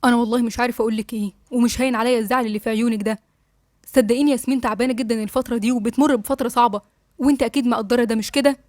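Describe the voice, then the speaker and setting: A woman's voice: a little high, steady tone, racing, a little mellow, no echo, studio quality, lightly acted. A woman voicing an anxious young Egyptian husband. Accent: Egyptian Arabic. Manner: insistent questioning.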